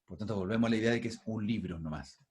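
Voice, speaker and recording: A man's voice: fairly low pitch, rapid-fire, darkish tone, husky. A man teaching a linguistics class over a video call, explaining patiently and often restarting his words. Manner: explanatory, restarts and repeats words while thinking.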